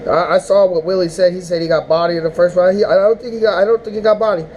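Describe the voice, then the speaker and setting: A man casually recapping a rap battle, rambling and animated, with mock-emotional outbursts. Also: sits high, fast, highs cut off, a little hiss or hum. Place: indoors, smoking while talking.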